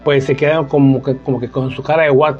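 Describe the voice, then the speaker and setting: A man's voice: mid-range voice, little pitch movement, fairly quick. A man preaching an informal sermon, talking conversationally and often asking "¿verdad?". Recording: dull lo-fi sound with faint music.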